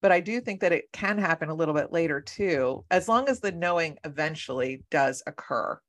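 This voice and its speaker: A low-voiced woman, a matchmaker, hosts an interview show and gives advice in a casual, conversational tone. She sounds encouraging and affirming, as well as expressive and brisk.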